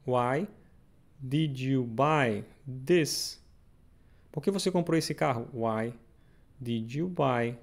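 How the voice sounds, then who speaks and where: A male English teacher with a gravelly voice sitting a little higher than most men. He explains a lesson step by step and drags out each example question slowly so it is easy to follow. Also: darkish tone. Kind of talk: recorded language lesson.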